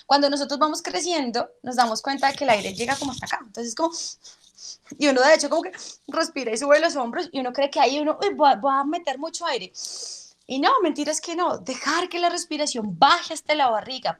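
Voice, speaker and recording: An actress and drama teacher answers interview questions in an animated way, using her voice to demonstrate her points. Her voice sits high, and she talks quickly.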